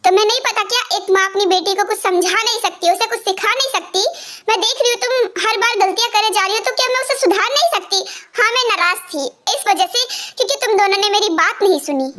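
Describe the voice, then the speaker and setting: A woman's voice: very high voice, fast talker. A woman dubbing a strict, scolding middle-aged mother in an amateur fan dub. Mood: stern. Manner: sharp, scolding, bossy.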